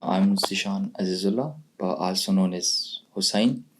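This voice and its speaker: In a deep voice and at a slightly slow pace, a Pakistani man in his twenties shares his own story informally as part of a youth programme. He's a non-native English speaker, and the recording is rough.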